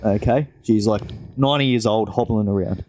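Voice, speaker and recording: A man's voice: on the low side, a little fast, darkish tone, a little hiss or hum. A young Australian man co-hosting a podcast, teasing and laid-back in casual chat. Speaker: podcast co-host.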